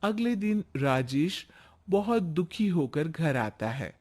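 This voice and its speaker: A woman narrating a cartoon moral story in a calm, scripted storytelling tone. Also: low-pitched, takes it slowly.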